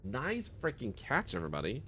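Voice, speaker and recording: A man doing live gameplay commentary as a streamer, excitable, laughing often and yelping at sudden scares. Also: mid-range voice, a little fast, noisy background. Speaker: streamer playing a horror game.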